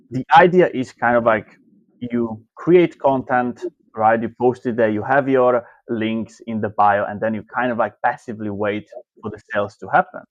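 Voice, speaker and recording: A man's voice: medium pitch, no echo. Man, dry, muffled call audio. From Slovakia. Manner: loose, filler-heavy phrasing. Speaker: guest, marketing coach. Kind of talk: interview answers.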